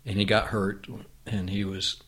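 A man hosting a conversation with his wife, reflective and unhurried, with frequent restarts. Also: fairly low pitch, level tone, fairly bright tone. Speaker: podcast host and author.

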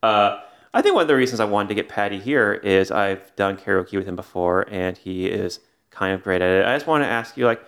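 A man's voice: on the low side, expressive, brisk, a bit bright. A man hosting a podcast, talking in a wry, conversational way. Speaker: podcast host. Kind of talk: casual chat.

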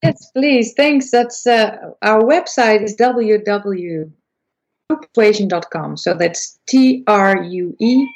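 Woman, voice coach, explanatory, restarts often, slightly dull recording. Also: slow pace. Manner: demonstrates pitch shifts, squeaky high then low voice. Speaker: voice and persuasion coach, guest. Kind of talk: interview conversation.

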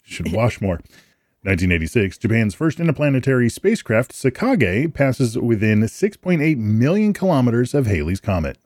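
A man's voice: medium pitch, sing-song, a little fast, hardly any pauses, darkish tone, no echo, clean studio sound. A man hosting a live podcast, reading out date trivia and slipping in corny jokes and puns. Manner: jokey, punny asides. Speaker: podcast host.

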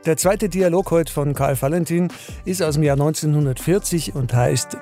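A man's voice: on the high side, normal speed. A male podcast host giving a friendly spoken introduction to a reading. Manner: friendly, announcing. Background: music.

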